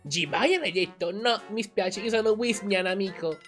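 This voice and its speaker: A man's voice: high voice, normal speed, fairly bright tone, soft background music. A man voicing a cocky little cat spirit. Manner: teasing, ends lines with a cat-like "gna". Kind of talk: reading game dialogue aloud.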